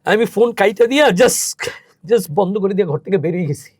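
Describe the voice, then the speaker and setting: Appearing as a podcast guest, a cultural organizer tells emotional, emphatic stories whose intensity keeps rising in this impassioned interview. His voice is high and expressive, fairly quick, and captured in studio quality without echo.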